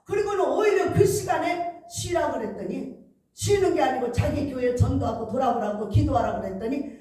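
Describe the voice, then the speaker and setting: High-voiced woman preaching in an echoey hall. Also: lively intonation, moderate pace, warm tone, recorded from a distance. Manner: chatty storytelling, acts out quoted dialogue. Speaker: pastor. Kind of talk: revival sermon. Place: large church hall.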